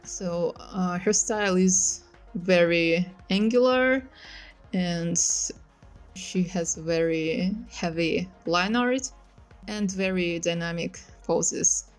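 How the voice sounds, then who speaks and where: Slow-talking young Russian woman. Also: on the low side. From northeast Russia. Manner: slow and unhurried, with pauses and fillers. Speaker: artist. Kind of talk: casual voice-over over a speedpaint. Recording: music playing softly behind. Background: faint music.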